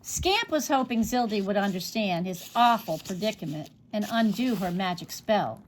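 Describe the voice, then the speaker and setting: A woman reading a children's picture book aloud, expressive, with small slips and restarts. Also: medium pitch, moderate pace, slight background noise. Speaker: storybook reader.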